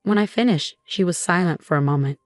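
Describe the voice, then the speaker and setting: A woman reading a first-person story as scripted narration, in a steady, measured way. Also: lowish voice, no echo, clean studio sound, faint music behind.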